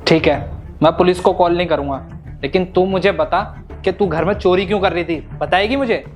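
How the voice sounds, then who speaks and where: A man's voice: high voice, a little fast, soft background music, natural voice. A man playing the stern male house owner, questioning his servants.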